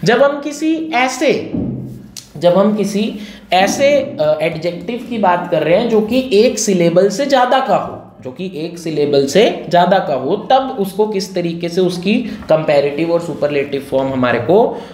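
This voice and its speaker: A man's voice: sits high, expressive, measured pace, a little mellow. Man teaching grammar in an echoey classroom. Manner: repeats key words and quizzes students with constant check questions. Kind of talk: classroom grammar lesson in Hindi mixed with English. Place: classroom with students answering. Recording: roomy echo with faint noise.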